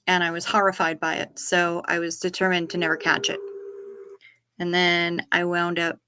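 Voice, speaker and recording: A woman's voice: on the low side, pushed and bright, clean tone. A woman livestreaming casual chat, from northern Minnesota, with a mixed East Coast and Southern accent, chatty and casually profane. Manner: chatty, swears casually, repeats what others say. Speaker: livestream host.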